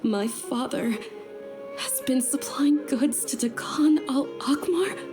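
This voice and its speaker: An actress playing a gentle young noblewoman in a game, speaking softly and courteously. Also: high voice, expressive, takes it slowly, whispered, over music. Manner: soft, courteous, careful. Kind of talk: game voice acting.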